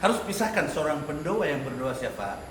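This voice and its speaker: An animated man with a high voice teaches a church class on leading worship. He often checks in with his listeners and laughs. He sounds distant, in an echoey room with clear background noise. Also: brisk. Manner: animated, rhetorical questions to the class, frequent laughter. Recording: echoey room, mic far off, noisy.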